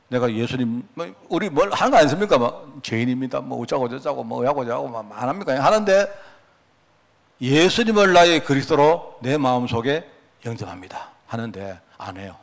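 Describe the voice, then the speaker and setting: Male pastor, sermon, animated storyteller who acts out quotes, very expressive. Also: a little high.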